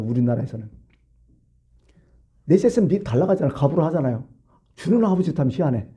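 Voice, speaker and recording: A man's voice: on the high side, warm tone. A middle-aged male pastor giving a sermon in a colloquial, storytelling way, full of rhetorical questions.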